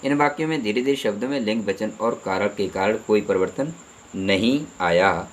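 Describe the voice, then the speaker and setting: A man's voice: fairly low pitch, fairly quick, slight background noise, rough recording. A man teaching a Hindi grammar lesson, repeating terms and asking the listener rhetorical questions.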